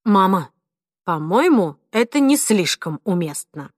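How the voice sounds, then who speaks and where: A woman's voice: mid-range voice, big pitch swings, a little slow, no echo, studio quality. A woman reading an audiobook, voicing an exasperated middle-aged son who pleads firmly with his mother. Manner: firm, pleading, strained.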